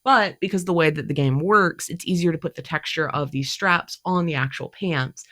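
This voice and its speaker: A woman's voice: sits low, moderate pace, fairly bright tone. Stuffy-nosed young woman rambling to camera. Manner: chatty, self-deprecating, thinks aloud. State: stuffy nose from allergies. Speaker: cosplay vlogger. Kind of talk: rambling casual talk to camera.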